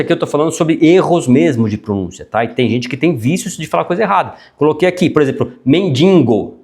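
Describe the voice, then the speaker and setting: A man teaching a public speaking class, animated and chatty, dropping frequent tag questions and jokey asides. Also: fairly high pitch. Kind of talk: classroom lecture.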